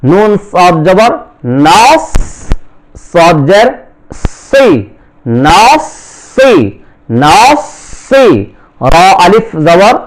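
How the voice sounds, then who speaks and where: Teaching slow Quran recitation, a man with a Bangladeshi accent spells out letters and vowels and then repeats the syllables. He speaks in a high-pitched voice with lively intonation.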